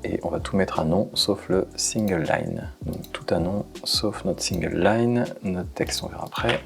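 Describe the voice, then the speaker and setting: Deep gravelly-voiced man talking through a tutorial. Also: a little slow, soft background music. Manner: thinking aloud while clicking, frequent "hop" and "ok". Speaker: tutorial presenter. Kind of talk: screen-recorded software tutorial.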